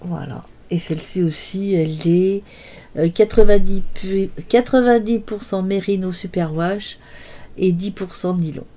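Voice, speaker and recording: Slow, mellow-voiced older woman, hesitant. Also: mid-range voice, a little hiss or hum. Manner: hesitant, many filler sounds. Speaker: knitting podcast host. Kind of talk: casual show-and-tell chat.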